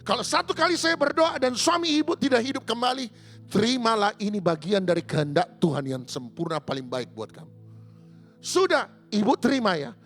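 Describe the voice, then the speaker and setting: A man voicing a calm village pastor who soothes and reasons in a patient tone. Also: high voice, fairly quick, soft background music, exaggerated voice. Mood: reasoning. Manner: soothing, patient, matter-of-fact.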